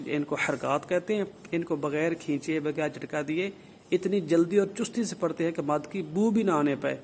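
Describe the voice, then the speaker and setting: A man gives a patient recitation lesson in a fairly high voice. He explains each sound carefully and models the words he teaches. A faint hiss of background noise sits under his voice. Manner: explains slowly, models drawn-out sample recitations. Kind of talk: tajweed lesson.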